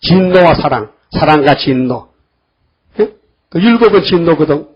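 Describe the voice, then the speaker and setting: Older guy preaching, high husky voice, muffled lo-fi church tape. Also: a little slow. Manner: animated preaching, acting out quoted speech. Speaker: pastor. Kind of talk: sermon.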